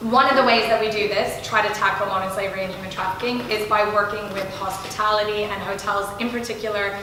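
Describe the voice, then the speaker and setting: A guest speaker from a foundation addresses an audience live at an event in a large room, her mid-range voice bright and a little hoarse. Eager and enthusiastic, she frequently starts her phrases over. The room echoes heavily, and a faint hum runs underneath.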